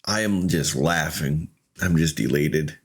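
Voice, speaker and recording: A man's voice: rumbling low, unhurried, breathy edge. A man casually commenting on his own gameplay, often laughing and acting out what he said in the moment. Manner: laughs often, excitable, retells with quoted self-talk. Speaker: gaming streamer.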